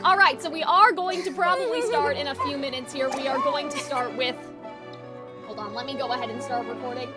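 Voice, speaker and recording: Hosting a live game stream, a woman talks to her viewers informally and exclamatorily, swearing freely. She speaks briskly in a high voice, with music in the background.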